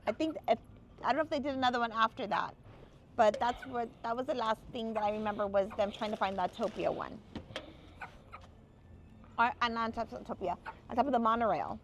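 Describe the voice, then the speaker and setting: A woman's voice: brisk, pauses often, dull audio. Young woman co-host, bubbly, reads chat live outdoors, noisy stream audio. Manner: bubbly, greets viewers by name in a high sing-song. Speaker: livestream co-host. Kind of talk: casual live chat, reading viewer comments. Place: outdoors by a grill.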